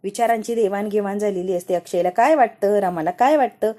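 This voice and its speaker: A woman's voice: mid-range voice, brisk, mellow. A woman casually retelling a TV serial episode and reading out the characters' lines along the way. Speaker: TV serial recap narrator. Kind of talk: casual storytelling recap.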